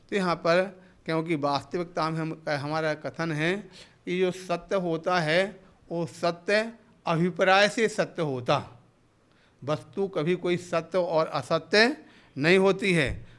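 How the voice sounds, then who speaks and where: Speaking on the high side with a bit of brightness, a man who is a Jain monk delivers a sermon through a hall microphone. His style is explanatory and step by step, with rhetorical questions and brief everyday exchanges acted out.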